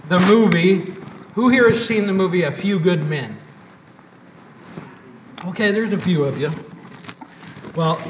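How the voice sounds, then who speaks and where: Slow high-voiced preacher in an echoey church. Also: male voice, fairly bright tone, slight background noise. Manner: preaching with emphatic repetition and pauses. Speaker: pastor. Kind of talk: sermon. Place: church sanctuary. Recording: echoey church hall, mic at a distance.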